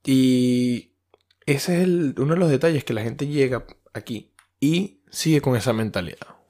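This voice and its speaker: A man's voice: mid-range voice, measured pace, mellow. A man from Venezuela with a Venezuelan accent, hosting a podcast in a casual, rambling monologue full of fillers and restarts. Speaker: podcast host.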